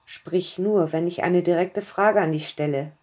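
A woman voicing a calm, commanding male partner who speaks quietly and teasingly. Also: on the low side, unhurried, lightly acted.

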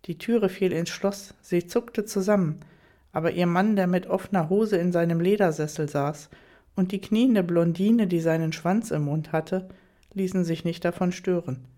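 A woman narrating an audiobook story in an even, measured way. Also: fairly low pitch.

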